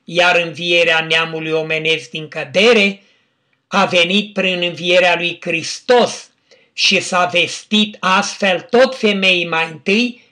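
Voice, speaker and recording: A man preaching, reading scripture aloud and citing chapter and verse in a measured teaching manner. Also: high-pitched, pushed and bright.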